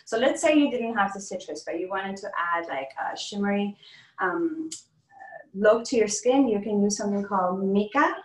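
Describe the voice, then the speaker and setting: A chatty woman leads a hands-on class demonstration and laughs easily. Her voice sits back from the microphone in a roomy, echoing space, at an ordinary middle pitch. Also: lively intonation, normal speed. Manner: chatty, laughs often, upbeat. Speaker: essential oils class host. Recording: roomy, distant from the mic.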